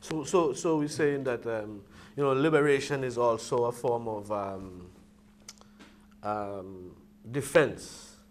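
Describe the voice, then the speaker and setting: A man with a medium-pitched voice talks through his thoughts in a casual discussion. He is hesitant and halting, circling back as he searches for words, with faint ambient noise behind him.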